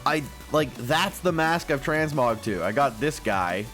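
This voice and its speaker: Excitable man with a cracking morning voice. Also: medium pitch, unhurried. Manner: rambling, self-deprecating, excitable. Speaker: gaming YouTuber. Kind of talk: casual gameplay commentary. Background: faint music stream.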